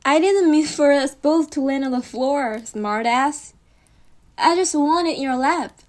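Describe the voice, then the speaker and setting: In intimate roleplay audio aimed straight at the listener, a woman plays a needy wolf girlfriend who is bossy yet affectionate, smug and cuddly. Her high, darkish voice draws out each word slowly as she pouts, pleads, and teases, with keyboard typing in the background.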